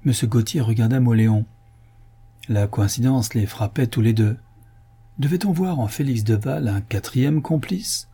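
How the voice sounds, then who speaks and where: A male audiobook narrator with a mellow, dark tone and a slightly husky edge. He reads in a measured, even storytelling manner. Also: medium pitch. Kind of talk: scripted narration.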